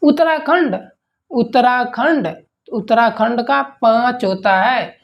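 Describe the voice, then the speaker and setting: A man's voice: very high voice, slow pace, vocal fry, lo-fi sound. A young man teaching an online general-knowledge lesson, explaining memory tricks in an informal, chatty way that repeats key words and keeps asking rhetorical questions.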